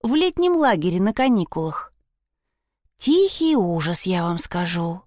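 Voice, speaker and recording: A woman's voice: fairly low pitch, big pitch swings, unhurried, a little mellow, dry recording, studio quality. A woman narrator voicing a timid, anxious young girl who frets and pleads. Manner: fearful, pleading.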